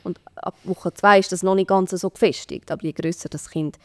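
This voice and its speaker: A woman with a Swiss German accent explains baby care step by step in a relaxed podcast chat, with many fillers. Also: lowish voice, fairly quick, no room sound. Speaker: baby care expert guest.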